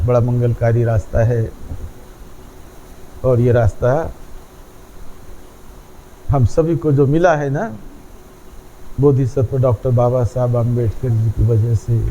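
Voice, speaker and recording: A man who is a Buddhist monk giving a sermon in measured phrases that repeat and build on each other. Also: mid-range voice, mellow, lo-fi sound, a little hiss or hum.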